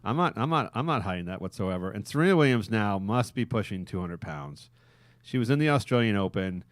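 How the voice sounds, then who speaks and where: A man's voice: on the low side, lively intonation, a little fast, no room sound, clean studio sound. A man hosting a podcast, rambling crudely with frequent laughter. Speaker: podcast host. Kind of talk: casual crude podcast banter.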